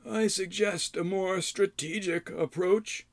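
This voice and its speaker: A man doing a slow, high-voiced old hermit. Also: fairly even intonation, no room sound. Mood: chiding. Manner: slow, drawn-out, high quavering delivery. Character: gaunt old male hermit, wry and chiding. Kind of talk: audiobook character voice.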